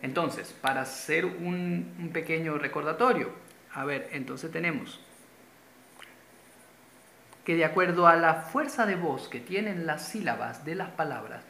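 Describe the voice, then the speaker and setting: A man's voice: fairly high pitch, a little slow, creaky, pushed and bright, a little hiss or hum. A man from Venezuela, teaching a grammar lesson patiently, repeating key terms and pointing at a board. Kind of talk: classroom-style grammar lesson. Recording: roomy echo.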